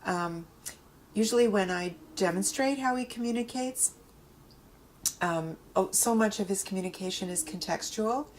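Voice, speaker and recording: A middle-aged woman in a casual interview, telling a family story in a lively way with frequent "um" pauses. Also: mid-range voice, a little hiss or hum, low-quality recording. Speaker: interviewee, mother of an adult son.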